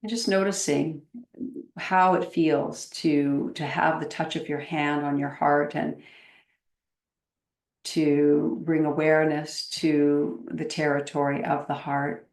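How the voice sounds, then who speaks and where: Deep and gravelly, this woman's voice has a flat delivery as she guides a meditation. She is a meditation teacher, unhurried and gentle with long pauses, heard in an echoey, roomy space.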